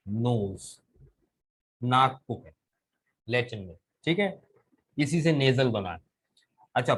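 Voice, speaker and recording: Over a rough-sounding video call, a man with a Pakistani Urdu accent teaches English vocabulary in a live online class. His pitch is ordinary and mid-range, and he explains patiently, step by step, pausing often to question his students.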